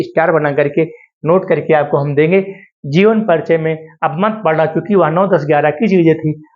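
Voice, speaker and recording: A man teaching Hindi literature to his students. He calls them dear, repeats his points, and chants the verses slowly and with stretched words. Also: fairly high pitch. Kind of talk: classroom lecture explaining poetry. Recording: dull lo-fi sound.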